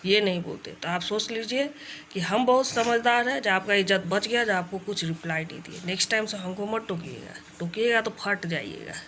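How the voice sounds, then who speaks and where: Young woman vlogger telling someone off, sharp bright voice, kinda confrontational, bit of background hum. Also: medium pitch, lively intonation, brisk. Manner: scolding, confrontational, repeats warnings. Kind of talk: direct-to-camera rant vlog.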